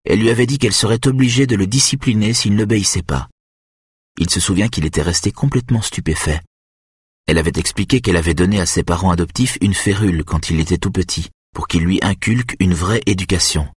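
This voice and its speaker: Man, audiobook narrator, very low voice, husky, measured, dry close sound. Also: no echo.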